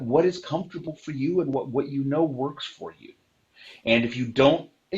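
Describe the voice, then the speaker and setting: On an online convention panel, an older man with a loud, mid-range voice offers practical advice about performing, full of fillers and restarts. The sound quality is lo-fi.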